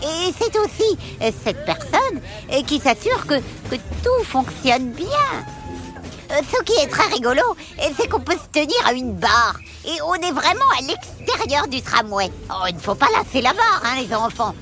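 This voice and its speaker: A woman's voice: sits high, big pitch swings, normal speed, a bit bright. A woman voicing a cheerful, giggly female elf who tells stories to children, exclaiming often and hesitating with many fillers. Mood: excited. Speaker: children's storyteller. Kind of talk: children's story narration.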